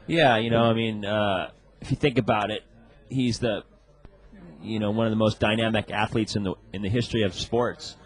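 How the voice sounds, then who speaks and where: A man giving live colour commentary as a surf contest announcer, casual and halting, peppering his talk with filler phrases. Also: lowish voice, fairly even intonation, low-quality recording. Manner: halting, casual, frequent "you know" and "man".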